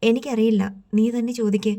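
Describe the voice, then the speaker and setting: Storybook figure: an insistent mother, read by a woman narrator, soft and warm. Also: on the high side, fairly even intonation, brisk, natural voice. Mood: prying. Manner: pressing questions. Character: prying, insistent mother of a grown son.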